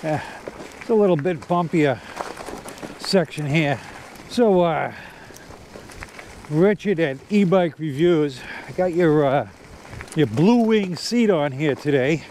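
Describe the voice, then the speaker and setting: Riding an e-bike along an outdoor trail, a man in his fifties rambles casually as a vlogger, full of fillers and restarts. His voice runs on the high side with a darkish tone. Faint outdoor noise from riding comes through his corded clip-on mic.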